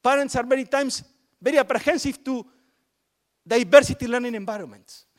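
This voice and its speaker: High-voiced man talking emphatically. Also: a little fast. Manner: emphatic, repeats words for stress. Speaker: education policy speaker. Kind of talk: panel talk on inclusive curricula.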